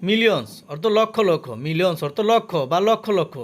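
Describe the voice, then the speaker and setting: An English teacher from Bangladesh with a high voice runs a vocabulary lesson, repeating each word twice. His drill is slow and careful, with notes on pronunciation.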